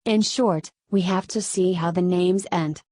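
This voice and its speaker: A Spanish woman, a native Spanish speaker, explaining Korean grammar in English with a Spanish accent, in steady step-by-step scripted narration. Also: fairly low pitch, a little slow, no room sound. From Spain. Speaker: Korean language teacher.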